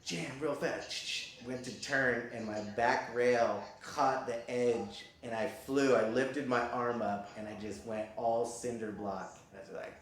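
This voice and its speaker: Man, 50s, pro skater, casual interview storytelling, middle-pitched, easygoing and a bit profane, heavy room echo. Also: steady tone, unhurried, few pauses. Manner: laid-back, swears casually, acts out the people in his stories. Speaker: professional skateboarder. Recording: very echoey room.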